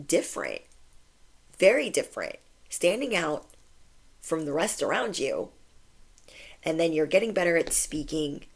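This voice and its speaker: With a deep, gravelly voice, this woman offers her viewers a channeled spiritual message as a reader. She keeps it casual, chatty and affirming, leaning heavily on the word "like".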